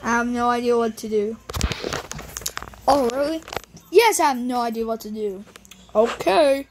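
Woman doing a plush puppet show, kinda high voice, slow and rambly, hopping between character voices. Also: slight background noise, poor audio.

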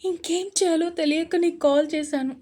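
A woman's voice: very high-pitched, steady tone, normal speed, warm tone, voice pushed up. A woman playing a tearful frightened girl. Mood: scared. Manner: pleading, shaky. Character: frightened young woman, crying.

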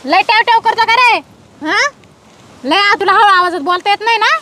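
A woman playing a strict, domineering female police officer who scolds with rapid questions. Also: very high voice, bright, forceful tone. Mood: scolding. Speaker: police officer in a comedy skit.

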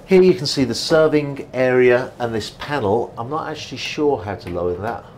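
A man's voice: medium pitch, lively intonation, moderate pace, a little mellow, slight background noise. A middle-aged man giving an enthusiastic walkthrough tour of a yacht, guiding the viewer as he walks. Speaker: yacht reviewer. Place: outdoors on a yacht deck and inside its saloon at a boat show.

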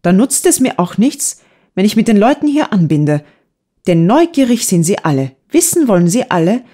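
A woman's voice: mid-range voice, sing-song, normal speed, mellow, pitched above the performer's own voice. A woman reading a middle-aged maidservant who mutters complaints half to herself in an audiobook. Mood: grumbling. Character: grumbling middle-aged female servant.

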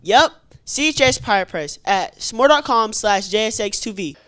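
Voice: mid-range voice, animated, moderate pace, a bit bright. A teenage student co-hosting a school news show, reading reminders in a plain, matter-of-fact way with teasing asides.

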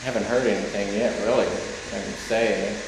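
A man wanders an old jail and fires off casual questions to his team and to whatever spirits might be listening. His voice bounces around a big, hollow hall, with steady hiss and noise under it. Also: fairly low pitch, normal speed, vocal fry. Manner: questioning, chatty, addresses spirits. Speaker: paranormal investigator. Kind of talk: casual ghost-hunting chat. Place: large echoey old jail indoors. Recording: echoey hall, noisy handheld camera audio.

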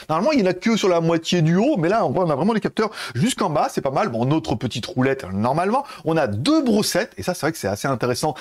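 Lively French tech reviewer, high voice. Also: male voice. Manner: chatty, animated, lots of fillers and asides. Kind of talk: casual product review.

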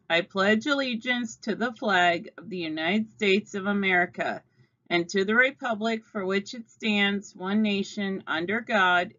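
A woman coach reading the morning announcements over a school intercom, in a measured, formal way, phrase by phrase. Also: medium pitch, a bit bright, lo-fi sound.

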